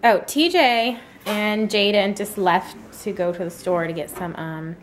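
A woman's voice: mid-range voice, a little slow, slight background noise. A mother vlogging casually at home, chatty and rambling, with many fillers. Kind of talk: casual vlog chat.

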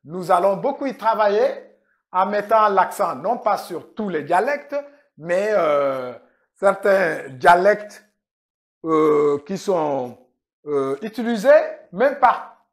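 A man leads a spoken language lesson at an unhurried pace, his pitch rising and falling a lot. He drills pronunciation by saying each example word several times in a row. His first language is Manjaku. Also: expressive. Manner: slow, repeats words to drill pronunciation. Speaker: language teacher.

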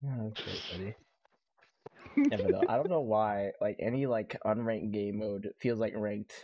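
A man's voice: fairly low pitch, steady tone, normal speed, warm tone, lo-fi sound. Rambling young man gamer chatting. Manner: rambling, heavy "like" fillers, laughs often. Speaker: podcast host. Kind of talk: casual chat among friends.

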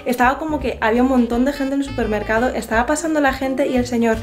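This vlogger's voice is high-pitched and quick, with fairly even intonation over soft music. A young woman with a Spain Spanish accent, she chats animatedly and teases herself while displaying purchases in her small kitchen, the handheld camera close to her face.

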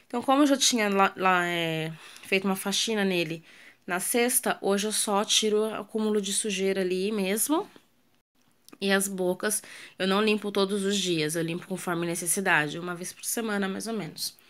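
A Brazilian Portuguese-accented mother who vlogs at home chats casually as she cleans her kitchen, questioning viewers and trailing off with fillers. Her mid-range voice is a bit bright, with fairly even intonation and a moderate pace.

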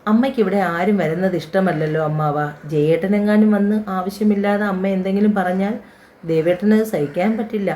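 A man's voice: high-pitched, fairly even intonation, a little fast, a little mellow, a little hiss or hum, lightly acted. A woman voicing an easygoing young nephew who explains family matters plainly. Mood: explaining.

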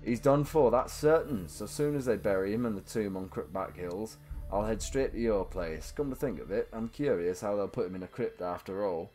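A man voicing a rough, scheming male thief with a northern English accent, reading out his letter home. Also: fairly low pitch, moderate pace, a little mellow, faint music behind, lightly acted. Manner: coarse, conspiratorial letter-reading.

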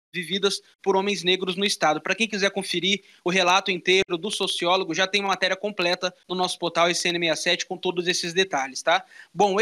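A young Brazilian man reporting live into a handheld mic in a small studio. His voice sits high and bright, with a crisp edge. He talks through the figures conversationally, often checking in with a quick "tá?". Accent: Brazilian Portuguese. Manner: informative, conversational, with filler "tá?". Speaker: radio reporter. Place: small radio studio with meeting table. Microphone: handheld microphone.

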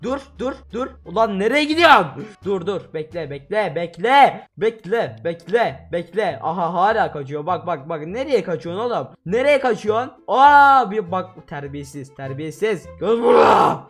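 High voiced guy doing hyped game commentary, yelling at other players, soft music behind. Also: moderate pace, few pauses. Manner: loud, excitable, shouting at other players. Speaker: gaming video host. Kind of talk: excited gameplay commentary.

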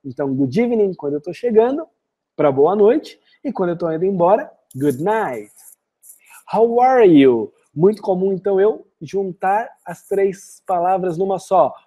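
A woman with a Brazilian Portuguese accent giving an online English lesson, explaining phrases and then saying the English examples slowly and clearly. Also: on the low side, animated, dark tone. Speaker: English teacher.

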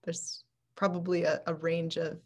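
A woman's voice: fairly low pitch, little pitch movement, a little slow, a little mellow. A woman moderating a casual online book club discussion, chatty and thinking aloud over a video call.

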